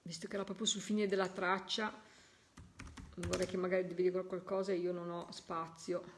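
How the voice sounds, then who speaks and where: Speaking at a normal speed in a lowish voice with little pitch movement, a tired woman hosts a live spiritualist session. She coaxes her viewers to listen, talks straight to them, and keeps exclaiming her delight effusively, over a slight hiss or hum.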